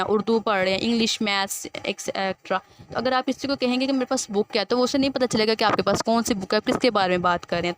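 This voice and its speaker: A woman teacher explaining English grammar in a patient, repetitive way. She reads English text slowly and then explains it, often asking the listener questions. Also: mid-range voice.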